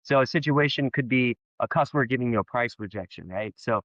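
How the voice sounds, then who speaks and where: A man teaching a sales technique in a casual explainer video, talking in a halting way with many fillers and restarts. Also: mid-range voice, a bit bright, no echo, dull audio. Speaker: sales trainer.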